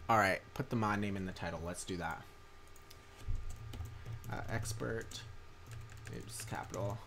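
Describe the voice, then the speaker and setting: A man's voice: on the low side, unhurried, noisy background. Rambling young male game streamer. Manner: rambling, many fillers and restarts. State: tired from a long day. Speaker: streamer and mod maker. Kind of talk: casual livestream commentary.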